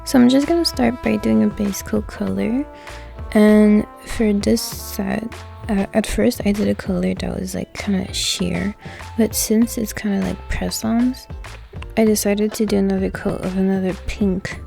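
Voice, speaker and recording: A young woman talks through a casual tutorial with a soft, mellow tone and a touch of gravel. Her mouth sounds swollen, so words come out a little impeded, and she is chatty and informal. Music plays behind her voice. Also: medium pitch, fairly even intonation, measured pace. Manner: informal, chatty, filler-heavy with "like". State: swollen mouth after tooth surgery, speech slightly impeded. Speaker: nail technician giving a tutorial. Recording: voice-over with music bed. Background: background music.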